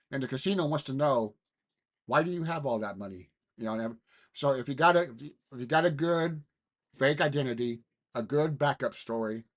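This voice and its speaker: Rambling man telling a side story. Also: mid-range voice. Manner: rambling, digressive, full of "you know". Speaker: channel host. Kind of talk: casual talking-head vlog.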